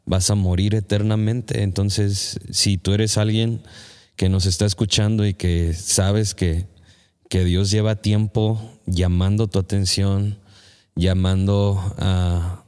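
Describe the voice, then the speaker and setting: A man's voice: fairly low pitch, little pitch movement, takes it slowly, a little mellow, clean tone. A man hosting a church podcast interview, reflective and quoting scripture as he addresses listeners. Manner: reflective, quotes scripture, gives frequent affirming "ujú". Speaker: podcast host.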